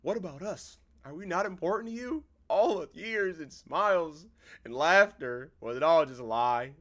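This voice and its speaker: A man's voice: a little high, animated, moderate pace, a bit bright, voice pushed up. A man reading aloud the lines of a betrayed, heartbroken wife in a game, with a raised, emotional delivery. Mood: bitter.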